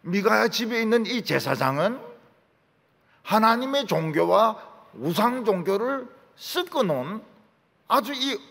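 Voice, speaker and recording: Animated Gyeongsang-accented pastor preaching. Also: male voice, sits high, measured pace, gravelly. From Busan, South Korea. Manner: animated storytelling, acts out dialect lines. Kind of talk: sermon. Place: large church sanctuary. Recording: long church hall reverb.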